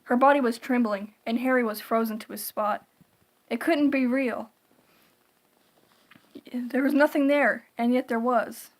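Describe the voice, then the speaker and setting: This creepypasta-style horror reading comes from a woman whose voice is somewhat high and whose tone stays steady. She delivers the scripted tale in a deliberate, dramatic manner.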